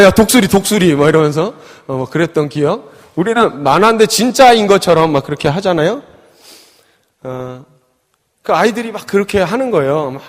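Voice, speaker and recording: A man preaches to a youth service in a casual, storytelling way, peppering his talk with fillers and little acted-out quotes. His voice sits a touch high for a man. The church around him carries a long, ringing reverb. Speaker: youth pastor. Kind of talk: sermon with storytelling. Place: church sanctuary.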